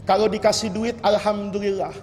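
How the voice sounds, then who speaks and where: A man preaching a mosque sermon, lively and teasing as he speaks straight to his listeners. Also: high-pitched, fairly quick, a little hiss or hum. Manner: lively, teasing, addresses audience directly. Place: large mosque hall. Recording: long hall reverb.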